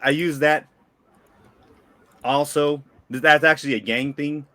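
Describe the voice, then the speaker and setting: Laid-back young guy, slangy and halting. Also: fairly high pitch, steady tone, sharp tone. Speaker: podcast presenter. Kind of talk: casual presentation among friends.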